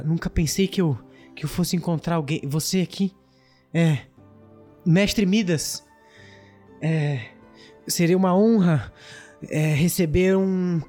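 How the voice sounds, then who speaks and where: A man voicing a female tiefling artificer who speaks hesitantly in a softened voice. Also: fairly high pitch, a little slow, long pauses, faint music behind, close to an everyday voice. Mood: reverent. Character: female tiefling artificer, weary but admiring.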